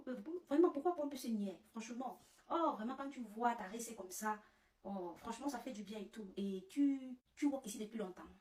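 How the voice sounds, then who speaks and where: Woman doing a guy flirting, smooth chatty talk, roomy sound from across the room. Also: a little high, lively intonation, moderate pace, a little mellow, recorded from a distance, natural voice. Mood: flirty. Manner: chatty, mixes English words into French. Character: smooth-talking Cameroonian man flirting at work. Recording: roomy, away from the mic.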